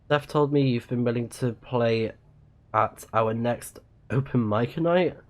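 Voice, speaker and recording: This mid-range male voice moves at a slow pace through relaxed livestream let's-play commentary. As the channel's host and gamer, he regularly reads the game's text out loud, backing up to correct himself when he slips.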